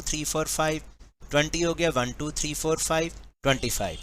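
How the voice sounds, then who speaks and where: Man, indian english accent, schoolteacher, patient step-by-step explaining, slightly raised pitch. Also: fairly bright tone. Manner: slow, patient, counts aloud step by step. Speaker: teacher. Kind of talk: worksheet lesson for school pupils.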